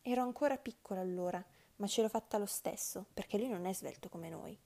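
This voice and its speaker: A woman's voice: medium pitch, brisk, vocal fry. A woman doing a curious young sparrow. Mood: boastful. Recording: loud background music.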